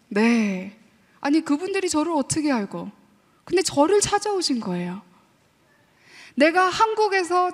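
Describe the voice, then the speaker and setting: A woman professor giving a lively sermon-style talk to a church audience, mixing English phrases into her speech and asking the audience questions. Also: sits high. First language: Korean heritage, also fluent in English. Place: church hall. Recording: long reverb of a large hall.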